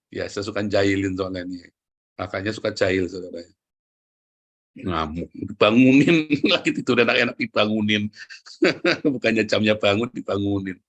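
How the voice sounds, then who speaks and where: A man preaching a sermon, lively and joking, often turning to address the congregation directly. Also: on the low side, a little slow, long pauses. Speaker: pastor.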